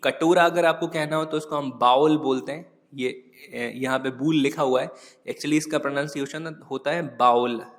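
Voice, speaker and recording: A man's voice: a little high, big-room sound. A man teaching English vocabulary in Hindi, repeating and spelling words and often adding "ठीक". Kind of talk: casual Hindi vocabulary lesson.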